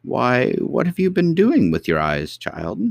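A man voicing a kindly, very old queen who is the girl's great-great-grandmother, speaking gently and patiently. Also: medium pitch, huge pitch swings, a little slow, vocal fry, no echo, clean studio sound, voice pushed up, heavily acted. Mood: concerned.

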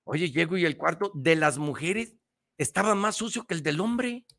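A man's voice: fairly high pitch, normal speed, fairly bright tone. A middle-aged man with a Mexican accent giving a slangy, emphatic motivational talk on the radio, repeating his points. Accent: Mexican Spanish.

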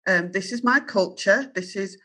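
Speaking at normal speed in a mid-range, fairly bright voice, a Yorkshire woman in her fifties responds to an interviewer. She's a journalist appearing as a guest, and she comes across as earnest, firm, and confident.

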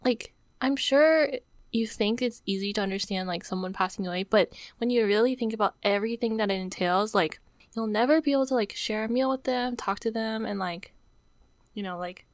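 Young woman, podcast co-host, teary, fills every pause with "like", dry close sound. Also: mid-range voice, no room sound. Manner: says "like" constantly, emotional and on the verge of tears. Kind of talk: casual chat.

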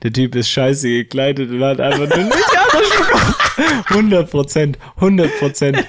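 A young man co-hosting a podcast, chatting casually, quick to exclaim and laugh, with youth slang. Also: on the high side, sing-song, heavy background noise. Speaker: podcast co-host. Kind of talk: casual chat.

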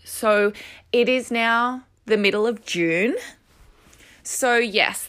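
A woman's voice: mid-range voice, fairly bright tone. A woman hosting a solo podcast, talking earnestly and encouragingly to listeners, recorded at home with headphones used as the mic. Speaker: podcast host and coach. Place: room at home. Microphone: headphones used as microphone.

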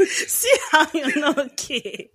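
Bright, lively laughing woman co-host. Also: sits high. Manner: laughing, bantering, animated. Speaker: podcast co-host. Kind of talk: casual chat.

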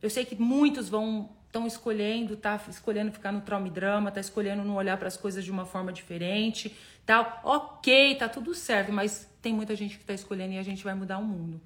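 A Brazilian woman in her thirties, a wellness coach talking casually and affectionately on a livestream, laughing often and breaking into loud cheers. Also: medium pitch, fairly quick, hardly any pauses. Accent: Brazilian Portuguese. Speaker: wellness coach live-streaming to followers. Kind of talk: casual motivational livestream talk.

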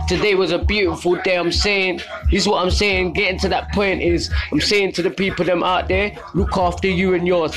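A middle-aged man with a south London accent talks in a high voice for a man. He chats casually as a podcast host, peppering his talk with street slang, swearing and tag questions. Music plays clearly behind him. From Brixton, south London.

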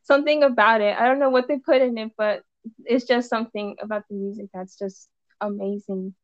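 A woman's voice: on the high side, steady tone, brisk, no echo, highs cut off. A woman of twenty-one from Los Angeles, a musician chatting loosely as a podcast guest with many fillers. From Los Angeles, USA. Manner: rambling, many "like"s and trailing restarts. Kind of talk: casual podcast chat.

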